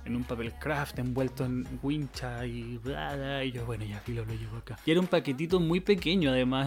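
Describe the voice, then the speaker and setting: Chatty young Chilean man, slangy. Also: medium pitch. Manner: chatty, rambling, heavy slang and swearing. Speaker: podcast host. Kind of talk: casual storytelling monologue.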